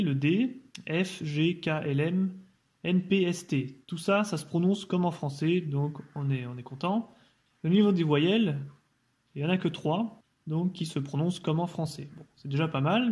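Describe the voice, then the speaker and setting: A man teaching in a casual video lesson, explaining in a relaxed, chatty way with small asides and fillers. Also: on the high side. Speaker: language teacher.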